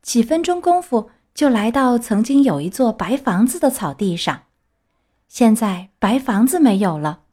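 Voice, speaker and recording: A woman narrating a children's story in a steady, expressive reading voice. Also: a little high, unhurried, husky. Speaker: audiobook reader. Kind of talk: scripted narration.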